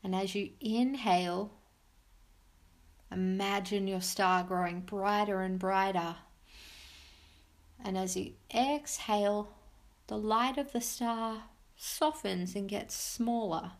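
A woman hosting a mindfulness podcast, giving soothing guided meditation instructions in simple, encouraging phrases. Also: medium pitch. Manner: soothing, unhurried instructions with pauses.

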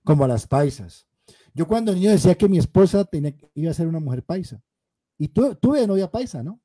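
Host, male, Caleño accent, chatty, mellow tone, slightly high. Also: very animated, fairly quick, slightly rough. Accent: Caleño Colombian Spanish. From Colombia. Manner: chatty, mimics regional sayings. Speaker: podcast host. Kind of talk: casual chat.

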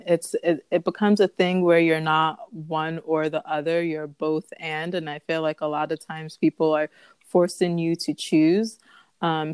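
A woman's voice: low-pitched, a little mellow, smooth, dry recording. A young adult woman from the United States, speaking thoughtfully in an interview with frequent ums. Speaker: business founder, guest. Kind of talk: conversational interview.

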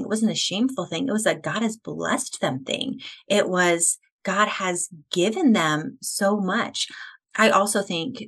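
A woman's voice: lowish voice, a bit bright, husky. A woman in her thirties from the United States, a podcast guest talking earnestly and with growing passion about faith, at times close to tears. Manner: earnest and passionate, building to emotional fervor. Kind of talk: faith-focused podcast conversation.

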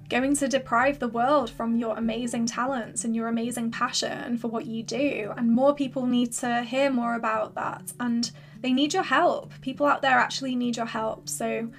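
A woman hosting a solo podcast with casual, rambling, encouraging advice, her voice slightly hoarse as if she is losing it. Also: a little high, steady tone, normal speed, a bit bright, soft background music. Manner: informal, filler-heavy, rambling encouragement. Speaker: podcast host and creative business coach.

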